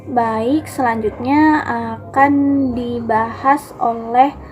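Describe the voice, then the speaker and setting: High-voiced young woman giving a class presentation. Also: fairly even intonation, takes it slowly, slight background noise. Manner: explanatory, addresses classmates with fillers. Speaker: student presenter.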